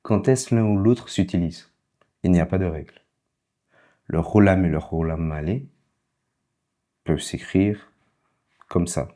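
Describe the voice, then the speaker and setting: A man's voice: low-pitched, measured pace, long pauses, mellow. A man teaching how to read Biblical Hebrew in a casual online lesson. He is patient and keeps checking in with "ok?".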